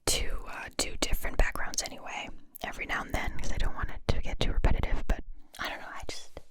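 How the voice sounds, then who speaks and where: A woman speaks in a breathy, unvoiced whisper very close to the mic, moving ear to ear. It is casual ASMR chat addressed to viewers, soft and intimate in delivery. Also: quick pace. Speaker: ASMR video creator and host. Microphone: close-up microphone, ear to ear.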